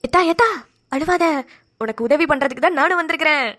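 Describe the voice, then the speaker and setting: A woman's voice: sits high, fast talker. Woman voicing a kind, practical older village woman. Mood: reassuring, urgent. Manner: calm, instructing, reassuring. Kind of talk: cartoon voice acting.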